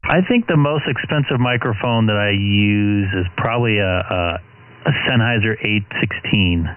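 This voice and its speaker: Male ham radio streamer, lower-pitched, chatty and explanatory, often pausing to find his words. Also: narrow, tinny audio, a little hiss or hum. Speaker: livestream host and ham radio operator. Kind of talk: casual explanatory chat. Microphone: studio microphone through mixer.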